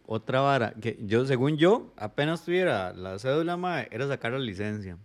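Jokey Costa Rican guy with lively pitch. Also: normal speed. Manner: jokey, teasing. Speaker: podcast co-host. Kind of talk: casual chat.

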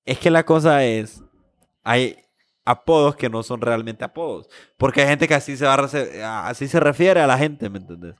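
A man holds forth in a loose chat among friends, blunt and salty, leaning hard on his points. His voice sits at an ordinary middle pitch. The sound is dry and close, with no room in it. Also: expressive, normal speed, no echo. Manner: blunt, profane and emphatic. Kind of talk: casual chat.

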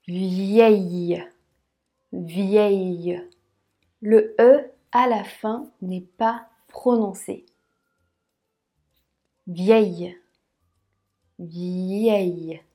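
A woman teaching French pronunciation, repeating words slowly syllable by syllable. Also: fairly high pitch, mellow. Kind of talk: slow, careful pronunciation lesson.

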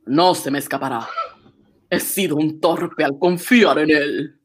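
An actor playing a suspicious, threatening police inspector in a radio drama, barking demands with gasping unease. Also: male voice, a little high, a little slow, husky. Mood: vengeful.

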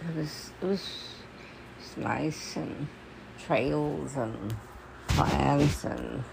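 A woman with toothless, gummy articulation, as if gumming soft food, rambling in a halting, repetitive, confiding monologue. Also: extremely low pitch, creaky, noisy background. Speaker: personal podcaster. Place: at home.

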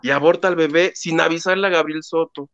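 A man hosting a casual gossip chat, retelling a plot in an animated way and acting out the quotes. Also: fairly high pitch, a little fast, lo-fi sound. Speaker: host.

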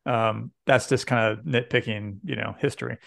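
Chatty pastor with a gravelly voice. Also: male voice, mid-range voice, fairly even intonation, moderate pace, a bit bright, no echo, clean studio sound. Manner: chatty, lots of fillers and "like", laughs easily. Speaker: pastor, podcast co-host. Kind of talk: casual chat.

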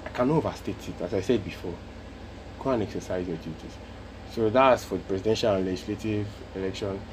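A man's voice: low voice, fast, slight background noise, rough recording. A Nigerian man hosting a casual solo podcast, speaking earnestly and repeating his points for emphasis. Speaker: podcast host.

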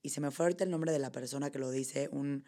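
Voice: medium pitch, fairly even intonation, quick pace, dark tone. A podcast host in a casual interview, asking curious follow-up questions.

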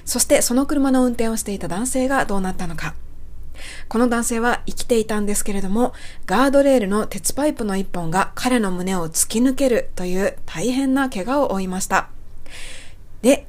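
A woman's voice: on the high side, darkish tone. A woman hosting an English-lesson radio show, explaining phrases patiently and step by step. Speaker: English teacher and host.

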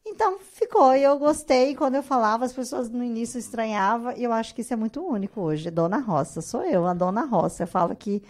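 A woman's voice: a little high, brisk, hardly any pauses. A woman in her thirties from Brazil, a guest on a casual podcast, telling stories and acting out quotes in a raised voice. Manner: animated storyteller, acts out quotes in a raised voice. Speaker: guest, artisan biscuit maker.

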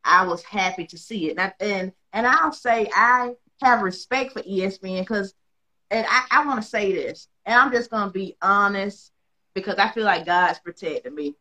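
A woman's voice: mid-range voice, normal speed, sharp tone, poor audio. A woman hosting a casual chat, blunt and emphatic, swearing freely.

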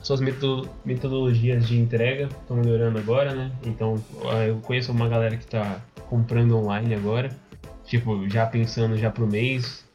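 A man's voice: medium pitch, little pitch movement, brisk, a little mellow, highs cut off. A Brazilian man chatting casually as a podcast co-host, with music behind him. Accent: Brazilian Portuguese. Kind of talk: casual chat.

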